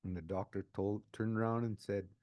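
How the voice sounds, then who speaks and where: Earnest older man, low mellow voice. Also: steady tone, no echo, studio quality. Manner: halting, repeats words and restarts phrases; emotional, earnest. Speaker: interviewee sharing his life story. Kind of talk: personal testimony, unscripted.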